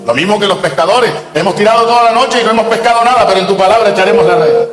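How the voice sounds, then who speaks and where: A man's voice: high-pitched, rapid-fire, a bit bright, roomy sound, big-room sound, soft background music, poor audio. A man preaching a sermon at a church service, telling a story with fervent emphasis. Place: church service, also streamed online.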